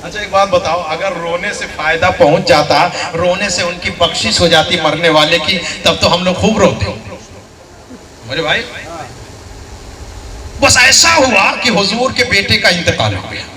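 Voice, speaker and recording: A man preaching a sermon to a live congregation. He swings from shouted, high outbursts to low, hushed phrases and keeps asking his listeners direct questions. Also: unhurried. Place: large gathering hall with a responding audience. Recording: roomy echo, voice picked up from a distance, crowd audible.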